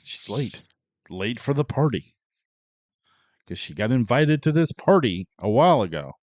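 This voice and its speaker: A man's voice: medium pitch, big pitch swings, measured pace, darkish tone, dry recording, muffled recording. A man co-hosting a podcast, chatting about a film in a laid-back way with wry, agreeing asides. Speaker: podcast co-host. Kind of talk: casual movie review chat.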